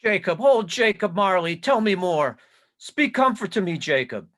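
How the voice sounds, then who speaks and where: A stubborn, frightened old miser, played by a man, with a fairly high voice. He exclaims theatrically, as in a dramatic storybook reading of a Victorian tale. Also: sing-song, normal speed, a bit bright. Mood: terrified, pleading.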